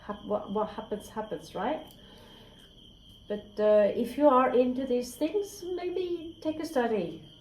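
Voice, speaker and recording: This tarot reader's voice is a little high and darkish in tone, and she talks slowly. Her casual reading is candid and chatty, peppered with swearing and whispered asides. Slight background noise, faint crickets, and a roomy echo color the recording.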